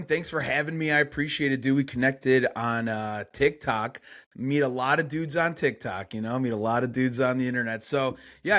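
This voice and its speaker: Laid-back guest rambling about baseball. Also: male voice, medium pitch, a bit bright. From Chicago. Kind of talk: casual podcast interview.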